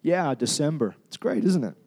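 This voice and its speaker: Australian male preacher, slightly raised pitch, casual and conversational, keeps asking the congregation questions. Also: big pitch swings, normal speed, a little mellow, breathy edge. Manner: chatty, asks the congregation questions, many fillers and restarts. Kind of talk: conversational sermon.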